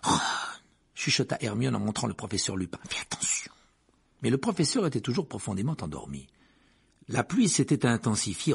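A man narrating an audiobook with expressive storytelling. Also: fairly low pitch, gravelly, slightly rough.

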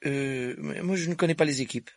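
A man voicing a curious, soft-spoken orphan wizard boy. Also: a little high, fairly quick, no echo, pitched above the performer's own voice, close to an everyday voice. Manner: curious, turns cold when provoked.

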